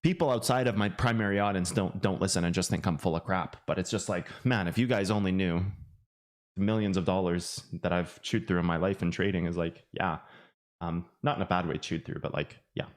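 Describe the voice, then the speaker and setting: A man's voice: sits low, brisk. A man who hosts a finance channel, talking in a loose, rambling way with many restarts and fillers. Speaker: finance YouTuber. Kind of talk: casual livestream chat.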